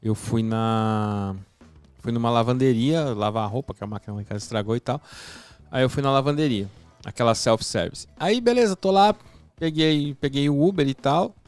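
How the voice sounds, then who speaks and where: A man's voice: medium pitch, moderate pace, a little mellow, smooth, faint music behind. A man hosting a podcast, chatting casually and telling an anecdote with lots of fillers. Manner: chatty, many fillers like "saca". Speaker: podcast host.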